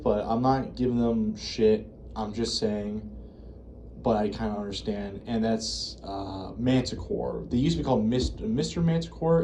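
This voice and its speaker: A mellow, medium-pitched voice belongs to an American video creator who reviews horror series. His unscripted, casual talk wanders, hesitates, and backtracks, over slight background noise.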